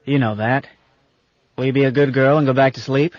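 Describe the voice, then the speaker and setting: A gruff old captain, as a male narrator plays him, commanding and folksy and fond underneath. He speaks a little louder than the narration, in a dry space. The recording is dull and lo-fi. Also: mid-range voice, steady tone, fairly quick, no echo, natural voice. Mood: stern, folksy.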